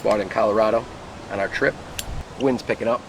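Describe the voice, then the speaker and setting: Low-voiced man puffing a pipe, noisy outdoors. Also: steady tone, a little fast, creaky. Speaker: pipe tobacco reviewer. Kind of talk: casual product review to camera. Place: outdoors in the wind. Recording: noisy outdoor recording with wind and traffic.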